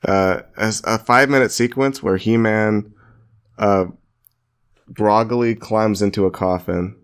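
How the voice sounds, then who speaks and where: Playful guy on a podcast, kinda low voice, giggles a lot. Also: fairly even intonation, a little slow, clean tone. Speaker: podcast co-host. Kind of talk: casual podcast chat.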